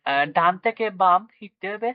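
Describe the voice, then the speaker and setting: Male teacher, fairly high voice, patient question-and-answer drilling, dry close sound. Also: expressive, moderate pace, no room sound, phone-quality sound. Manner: asks questions and answers them himself, with frequent check-ins. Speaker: math teacher. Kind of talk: classroom lesson for children.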